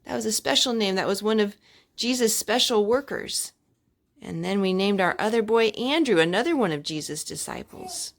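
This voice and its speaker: A mother leads a children's storytime, reading aloud in an expressive, mid-range voice at a normal speed. She chats with the young listeners between reading and song, asking the child questions and repeating the answers back.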